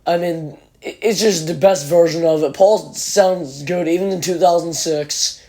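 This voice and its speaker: A teenage man with a high voice chats eagerly about his favorite songs. He rambles and restarts often, leaning on fillers as he goes. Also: measured pace, mellow. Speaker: podcast host. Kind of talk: casual chat.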